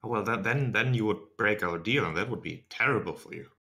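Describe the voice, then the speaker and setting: A man's voice: on the low side, fairly quick, bright, forceful tone. A man voicing a shifty alien informant in a tabletop game, bargaining, stammering and easily indignant. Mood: veiled threat. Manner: stammering, repeats words.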